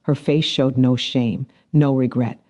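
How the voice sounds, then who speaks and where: Mellow male story narrator. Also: mid-range voice, fairly even intonation. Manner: measured, dramatic storytelling. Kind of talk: scripted narration.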